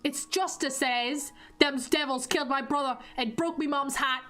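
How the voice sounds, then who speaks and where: A woman's voice: high voice, steady tone, moderate pace, a bit bright, soft background music. A woman voicing an unrepentant, vengeful convicted poisoner in a shaky attempted Cockney accent. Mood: defiant.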